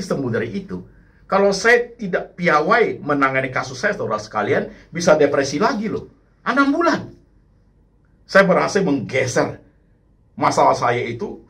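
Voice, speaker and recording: A man's voice: medium pitch, a bit bright. A middle-aged male pastor preaching a sermon in church, calling the congregation "my brothers" again and again and building to emphatic bursts. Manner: addresses the congregation as "saudaraku" over and over, rising to emphatic bursts; mixes English phrases into the sermon.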